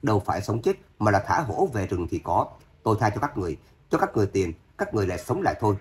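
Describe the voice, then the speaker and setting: Guy doing a cold vengeful son-in-law, low hard voice, audio novel. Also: sing-song, fast. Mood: cold scorn. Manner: cold, harsh.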